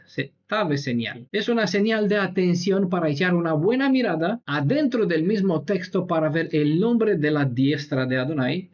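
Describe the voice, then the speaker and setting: A man's voice: on the high side, a little mellow, lo-fi sound. A man giving an explanatory Bible lesson, patiently spelling out letters and checking in with his listeners as he goes. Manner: spells out Hebrew letters slowly, with short laughs. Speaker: Bible teacher.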